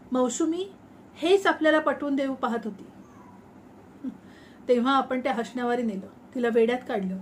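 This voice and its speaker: A woman reading a science fiction short story aloud in a measured, reflective, expressive way. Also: high-pitched, a little hiss or hum. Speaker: story reader.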